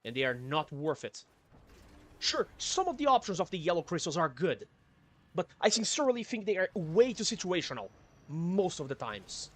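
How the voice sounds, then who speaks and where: A man's voice: on the high side, big pitch swings, normal speed, a bit bright. A man streaming from his apartment, giving casual gameplay commentary in a grumbling, sardonic manner and swearing often. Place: home apartment.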